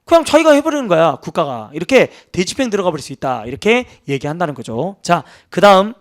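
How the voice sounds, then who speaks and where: A man teaching law for exam prep, talking casually and acting out quoted officials in rough, joking banter. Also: high voice, huge pitch swings, fast. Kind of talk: lively lecture with acted anecdotes.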